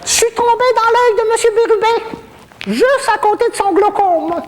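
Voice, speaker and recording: At normal speed and in a very high voice, a Québécois-accented woman acts out a cheeky, bawdy retirement-home resident in a stand-up monologue of saucy, gossipy, self-mocking humor. There's a long reverb tail and a noisy background.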